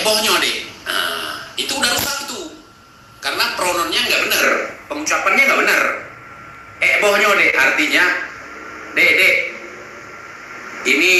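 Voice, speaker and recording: A man casually explaining word meanings in a lively, emphatic way, leaning on repeated "nah" between points. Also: a little high. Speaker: explainer of Acehnese language. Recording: very echoey room with noise.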